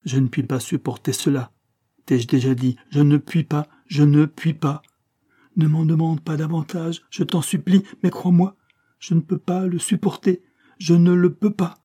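A man's voice: medium pitch, fairly even intonation, normal speed, husky, lightly acted. A man reading aloud and voicing an old husband who stammers and pleads in desperation. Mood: pleading. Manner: stammering, pleading, rising to loud outbursts.

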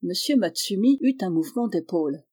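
A woman calmly narrating a novel in a measured storytelling voice. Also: medium pitch, husky. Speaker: audiobook reader.

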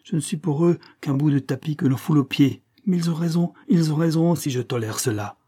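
A man's voice: medium pitch, moderate pace, breathy edge, lightly acted. A man reading aloud and voicing an old husband who stammers and pleads in desperation. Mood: angry. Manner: stammering, pleading, rising to loud outbursts.

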